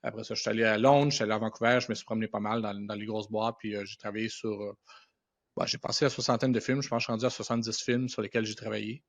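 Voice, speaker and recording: Speaking at a racing pace, this middle-aged man has a creaky, lowish voice that barely moves in pitch. He's a Quebec-accented animation and VFX professional casually recounting stories on a podcast, dropping English words into colloquial French. The recording is dull and band-limited.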